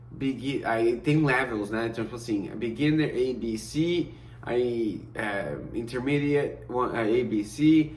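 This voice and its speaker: A Brazilian man in his thirties with a Brazilian Portuguese accent and a mid-range voice tells a personal story for his vlog. He's lively and acts out the dialogue in quotes, heard from a distant mic with roomy echo and faint noise.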